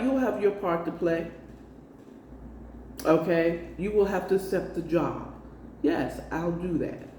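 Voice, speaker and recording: A fairly low-pitched, mellow woman's voice belongs to an American tarot card reader doing an informal spiritual reading. She coaxes with emphasis, repeats herself, and uses plenty of check-in tags, heard through a roomy, distant mic with faint noise.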